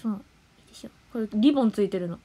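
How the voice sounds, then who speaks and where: A young woman, chatting playfully on a solo livestream and sometimes dropping to soft murmurs and whispers. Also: mid-range voice, fast. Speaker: idol livestreamer. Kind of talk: casual solo livestream chat.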